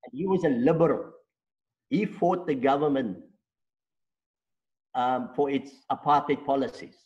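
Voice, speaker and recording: An older South African man in his sixties, a native Afrikaans speaker, tells his life story at length as an interview guest, checking in now and then with rhetorical questions. His mid-range voice moves at a measured pace and sounds a little mellow, with the highs cut off.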